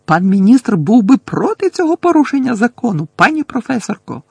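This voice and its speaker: A man reading an audiobook voices a desperate teenage schoolgirl who pleads in a high, shrill, cracked voice. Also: very animated, a little fast, gravelly, husky, dry recording, full character voice.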